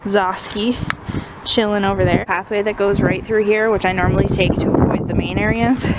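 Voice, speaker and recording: In a very noisy outdoor recording, a young woman vlogger leads an informal, chatty walk around a campus. She speaks in a mid-range voice.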